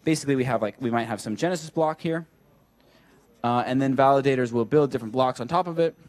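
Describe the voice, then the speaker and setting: A young man speaking at a tech meetup talks fast in a medium-pitched voice. He gives a technical talk while drawing on a flip chart, thinking aloud with plenty of fillers and restarts, in a meetup room with a projector.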